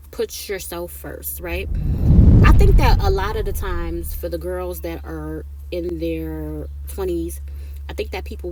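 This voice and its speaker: Talking to camera, a thirtysomething woman rambles through easygoing life advice, repeating herself and tacking "right?" and "okay?" onto her points. She sounds low and dark, over a faint bit of background noise.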